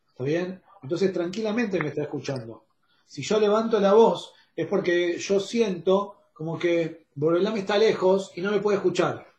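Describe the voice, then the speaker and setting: Leading an online Talmud class, a man with a Rioplatense Spanish accent works through each point step by step, stopping to ask "¿está bien?" so everyone keeps up. His voice is fairly high for a man, with a darkish tone. The recording is muffled and has a roomy echo.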